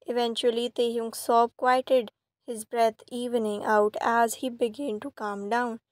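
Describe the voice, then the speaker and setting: A woman narrating a romantic fan fiction story in a steady, even reading voice. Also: fairly high pitch, a little slow, no echo.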